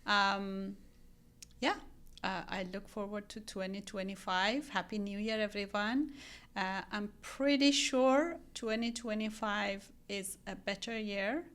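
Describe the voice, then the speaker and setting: Slow, smooth-voiced Iranian woman. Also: mid-range voice, a bit bright. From Iran. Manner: earnest, frequent ums and restarts. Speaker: guest real estate agent. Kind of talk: casual podcast interview.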